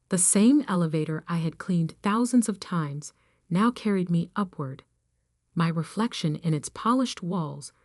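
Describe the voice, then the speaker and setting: A woman narrating a scripted first-person story in a steady, even storytelling delivery. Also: fairly low pitch, dry recording, studio quality.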